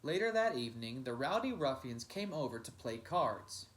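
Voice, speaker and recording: Reading a picture book to children as a teacher, a man narrates in a dramatic, emphatic storybook style. His medium-pitched voice swings widely in pitch, has a fairly bright tone, and keeps a moderate pace.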